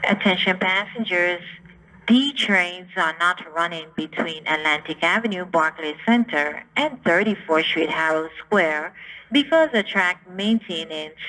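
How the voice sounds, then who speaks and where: A woman reading a formal, deliberate public transit announcement in the manner of an airport announcement. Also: fairly low pitch, expressive, pushed and bright, low-quality recording. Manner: formal, scripted, deliberate delivery.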